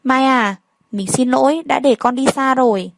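A woman's voice: high voice, moderate pace, gravelly, a little hiss or hum, rough recording. A woman reading a first-person story aloud and speaking all the characters' lines in much the same voice. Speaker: narrator.

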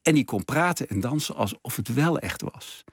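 A man's voice: medium pitch, expressive, moderate pace, breathy edge, dry recording, studio quality. A man guest in a radio interview, explaining with enthusiasm and plenty of fillers. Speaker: exhibition curator, guest. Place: radio studio.

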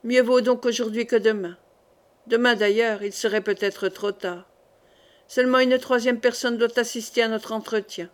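A woman's voice: on the high side, steady tone, normal speed, natural voice. A woman voicing a dying king, grave and imperious. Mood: solemn. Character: dying young king, fierce and commanding.

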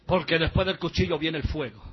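A male pastor preaching a sermon into a handheld mic in a church, swinging between hushed passages and shouted climaxes. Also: on the high side, brisk, breathy edge, muffled recording.

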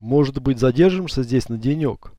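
A man's voice: medium pitch, lively intonation, normal speed, warm tone, no echo, clean studio sound, close to an everyday voice. A man voicing an eager, simple male companion in an audiobook. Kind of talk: audiobook character voice.

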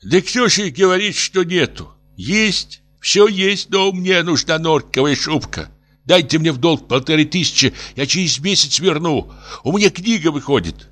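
A man voicing a drunk, distraught middle-aged professor who pleads in high, drawn-out wails. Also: expressive, fairly bright tone. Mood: pleading.

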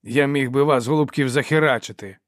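A man's voice: medium pitch, brisk, no room sound, clean studio sound, pitched above the performer's own voice, natural voice. A man reading an audiobook, voicing a vicious, foul-mouthed male warrior with a sneering, coarse manner.

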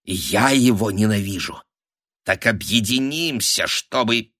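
A man's voice: fairly low pitch, expressive, a little slow, bright, forceful tone, dry recording, clean studio sound, heavily acted. A man voicing a spiteful, scheming nobleman who grimaces and shrieks his threats. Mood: shrill threats.

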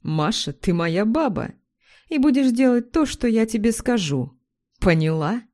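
Woman reading a domineering man, rough and bossy, mellow low-set voice; storybook audio. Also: expressive, moderate pace. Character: pushy domineering young man.

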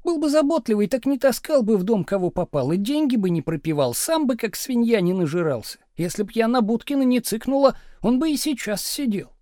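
A bitter young wife in an audiobook, as a man reads her, pitched far above his own voice and biting off each complaint. Her scolding is sharp and scornful, and the dry, close reading leaves no room around her. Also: big pitch swings, brisk, hardly any pauses, no room sound. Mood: scornful, shrill. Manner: sharp, scolding, shouting at times.

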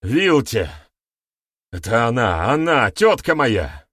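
A man's voice: very deep voice, very slow, breathy edge, no room sound, clean studio sound, pitched below the performer's own voice, full character voice. A man doing a panicky young accuser. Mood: panicked.

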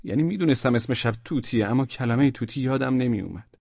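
A man narrates a first-person audiobook in a relaxed, colloquial storytelling manner, as if talking to a friend. His voice sits at an ordinary middle pitch, recorded on a close mic. The sound is bone-dry and slightly dull and lo-fi. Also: gravelly, no echo.

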